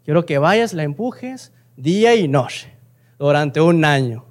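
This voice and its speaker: A man voicing God as a calm, fatherly figure who instructs a believer in a sermon story. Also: on the high side, slow pace, pitched below the performer's own voice.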